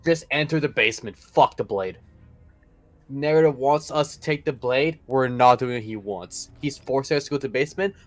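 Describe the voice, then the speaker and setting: A man's voice: medium pitch, moderate pace. A young man joking and swearing through casual gaming commentary while playing along with a friend. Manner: joking, profane, animated. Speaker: gamer co-player.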